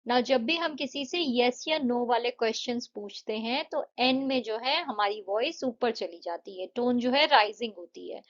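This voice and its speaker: Patient woman teacher explaining step by step. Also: on the high side. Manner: patient, explains step by step with Hindi-English mixing. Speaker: English teacher. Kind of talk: exam-prep lesson explaining answers. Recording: dull lo-fi audio.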